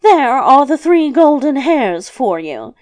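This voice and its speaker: An older woman reads the part of an elderly fairy-tale grandmother in a high voice, with a darkish tone and a heavily acted, very animated delivery. She sounds sly, scolding yet soothing, brisk yet kindly, drawing out her words.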